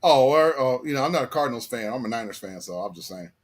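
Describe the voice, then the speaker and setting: A man's voice: medium pitch, lively intonation, fast, noisy background. An American man hosting a casual live chat, slangy and fond of repeating phrases for emphasis. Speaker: live stream host.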